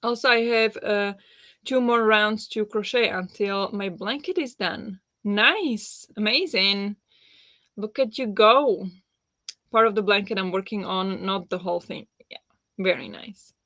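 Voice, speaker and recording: A woman whose first language is Slovak chats warmly on a book live stream, reading out viewers' comments and answering with lots of fillers and little laughs. Her voice is middling in pitch, and the dry, slightly dull recording suggests a plain home setup.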